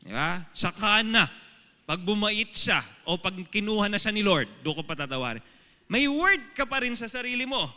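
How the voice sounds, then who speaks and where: A man's voice: high-pitched, animated, normal speed, bright, forceful tone, clean tone, big-room sound. A Filipino man preaching a sermon as pastor to a congregation, firing rhetorical questions at them. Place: church hall.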